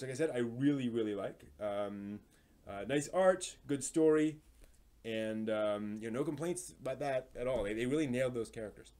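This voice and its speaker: A medium-pitched, darkish-toned man hosts a live stream, delivering an informal, enthusiastic lecture on anime history to an audience with emphatic asides. The reverberant indoor room makes it very echoey, and a distant mic picks up faint noise.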